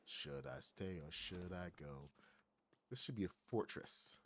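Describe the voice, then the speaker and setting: A man's voice: low voice, animated, unhurried, a little hiss or hum. A middle-aged man from Barbados chatting casually and rambling with many fillers while he streams a building game. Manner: rambling, filler-heavy, greets chat loudly. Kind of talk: casual gaming livestream chat.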